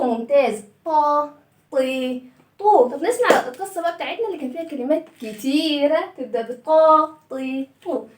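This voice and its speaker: A woman with an Egyptian Arabic accent teaching young children to read, drawing out syllables and repeating words in an animated way. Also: sits high. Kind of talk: phonics lesson for young children. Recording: echoey room.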